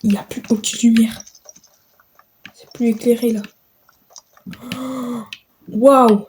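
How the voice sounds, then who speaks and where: A woman's voice: fairly high pitch, steady tone, takes it slowly, darkish tone, slight background noise, poor audio. A woman giving let's play commentary, exclaiming and stammering over repeated words. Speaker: gamer.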